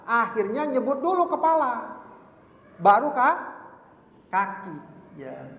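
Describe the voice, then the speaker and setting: A male Islamic teacher giving a study lesson, quizzing his listeners and slowly repeating Arabic words. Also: high-pitched, fairly bright tone. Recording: roomy hall from far off.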